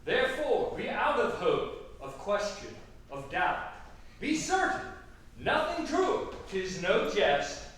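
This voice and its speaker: Man acting a high-pitched, swooping, scornful Lysander. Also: wildly swooping pitch, slow pace, fairly bright tone, heavily acted. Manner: declamatory, exaggerated stage delivery. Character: scornful, lovestruck young Athenian gentleman. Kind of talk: staged reading of Shakespearean comedy. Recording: echoey room from far off, faint noise.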